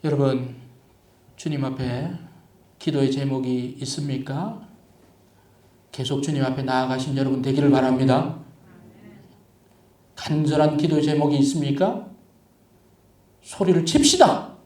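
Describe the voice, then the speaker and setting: A male pastor preaching a sermon, lively and humorous, often asking the congregation questions. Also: medium pitch, measured pace, long pauses. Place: church sanctuary. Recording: echoey church hall from a distant mic.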